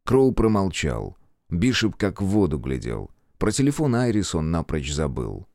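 A man reads an audiobook in a very low voice with wide, lively intonation. His delivery is measured and expressive. The recording is dry and close. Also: dry recording. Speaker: audiobook narrator. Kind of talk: scripted narration.

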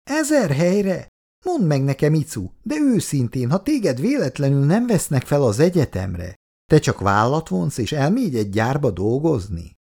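This is an anxious teenage schoolgirl from a storybook, speaking high and shaky as she fights back tears, voiced by a man reading aloud. Her pleading rises and falls widely, and a dark, gravelly texture stays in the sound. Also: wildly swooping pitch, exaggerated voice. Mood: insistent. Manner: trembling, tearful pleading.

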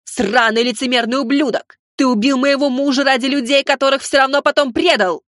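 A woman's voice: sits high, steady tone, fairly quick, a bit bright, no echo, studio quality. A woman voicing a stern, commanding old great-grandmother who scolds in a cold manner. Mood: furious.

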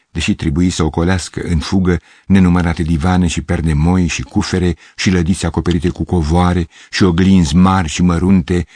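A man reading a literary story aloud as narrator, in a measured, expressive manner. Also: sits low, slightly rough, no room sound.

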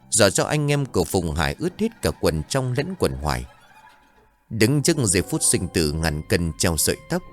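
A man narrating a comic ghost story, playful and full of idioms and rhymes. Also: fairly low pitch.

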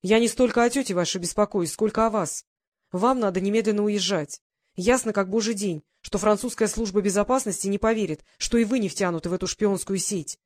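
A woman reading the lines of an urgent, blunt young English gentleman in an audiobook, in a pressing, hurried manner. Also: medium pitch, lightly acted.

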